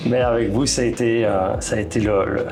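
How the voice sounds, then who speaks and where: A man's voice: mid-range voice, fairly even intonation, a little fast, a loud crowd. A Belgian man in his thirties with a Belgian French accent, talking casually as an interview guest, often restarting his sentences. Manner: hesitant, many restarts. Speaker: guest, real estate broker.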